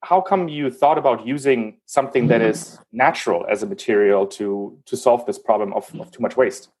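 Guy doing an interview, chatty, asking questions at a normal pitch. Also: normal speed, darkish tone, breathy edge, rough recording. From Texas resident. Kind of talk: conversational interview.

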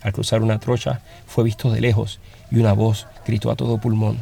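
A man reading a story aloud as narrator, in a steady, dramatic storytelling manner. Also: fairly low pitch, a little fast, vocal fry.

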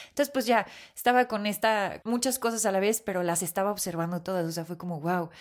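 A woman's voice: mid-range voice, fairly even intonation, fairly quick. A woman with a Mexican accent hosting a podcast, telling a personal story in a candid way and swearing casually. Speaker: podcast host.

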